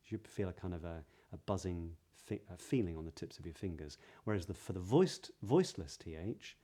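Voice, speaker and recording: Male voice coach, British accent, lowish pitch, soft mellow tone, measured explanatory lesson delivery with stressed key words. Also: expressive. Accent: British English. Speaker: voice coach, video host. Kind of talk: pronunciation lesson to camera.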